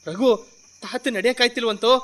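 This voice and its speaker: A man's voice: extremely high pitch, brisk, a bit bright. An actor playing a caring young man in a radio drama, urgently calling for help and soothing an old woman. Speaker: helpful young neighbour in a radio play.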